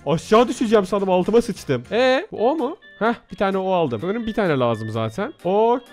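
A man commentating his own Minecraft gameplay, excitable, muttering one moment and yelling the next. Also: sits high, normal speed, faint music behind. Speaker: gaming YouTuber. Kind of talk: Minecraft let's play commentary.

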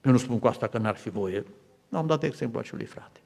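A Romanian man preaches a sermon to his congregation in a large church hall, telling stories, acting out quotes from others and building to fervent appeals. His mid-range voice is expressive and darkish, with some vocal fry. The recording echoes with the hall's reverb and has slight background noise.

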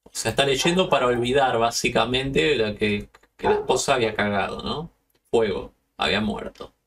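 A man's voice: mid-range voice, moderate pace, fairly bright tone, recorded from a distance. A man with an Argentine accent hosting a podcast, telling stories in a loose, slangy, profane chat. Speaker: podcast host. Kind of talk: casual storytelling chat.

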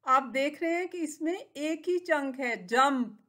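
Slow, high-voiced Pakistani woman teacher. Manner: slow, stretched-out word modelling for children; gently encouraging. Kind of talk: recorded school lesson.

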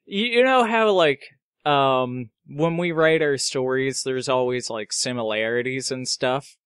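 A man's voice: medium pitch, a little slow, a bit bright, clear, resonant tone, no room sound, clean studio sound. A man co-hosting a podcast, chatting casually and rambling with lots of fillers. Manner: rambling, hesitant, filler-heavy. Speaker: podcast co-host. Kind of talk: casual chat.

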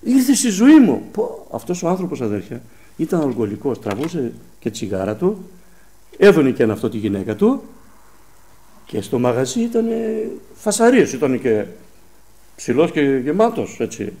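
Lively Pontic Greek man preaching. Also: fairly high pitch, vocal fry. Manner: animated storytelling, acts out dialogue; repeats thanks to God often. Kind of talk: testimony sermon. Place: church service.

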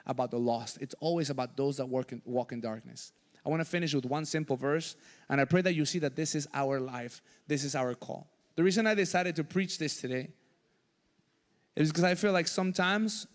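Passionate male pastor preaching in a hall. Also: on the high side. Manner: passionate, preaching with sudden loud and soft swings. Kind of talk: sermon. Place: church sanctuary. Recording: church hall reverb with soft music behind.

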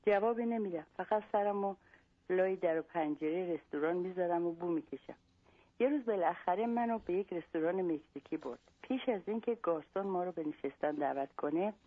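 A woman from Iran, a guest humor writer, reading her own comic story aloud on a radio show by phone. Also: deep voice. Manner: storytelling, wry. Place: northern California, on the phone. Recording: tinny phone line.

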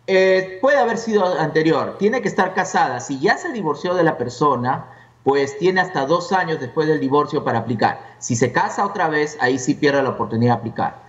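A man's voice: on the high side, animated, fairly quick. A man in a mid-range voice explains things step by step as an interview guest. He sounds set back from the mic in a roomy space. The recording is muffled and dull. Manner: explanatory, lays out points one by one. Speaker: immigration lawyer, interview guest. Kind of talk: conversational interview. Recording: distant, echoey and dull.

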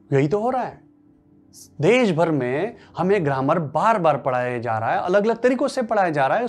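A man whose first language is Marathi, giving a workshop lecture full of rhetorical questions and repetition. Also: high voice. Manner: rhetorical questions and repetition, animated rising and falling delivery. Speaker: language teacher.

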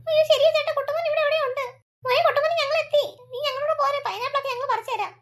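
A woman's voice: very high voice, steady tone, very fast. A woman voicing a young mother in a cartoon, urgent and scolding. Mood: worried. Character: caring young mother of the family. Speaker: cartoon character.

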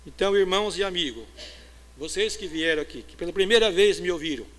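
High bright-voiced Brazilian pastor preaching. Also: male voice, lively intonation, quick pace. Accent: Brazilian Portuguese. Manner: swings from hushed storytelling to loud preaching. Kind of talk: sermon. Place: church.

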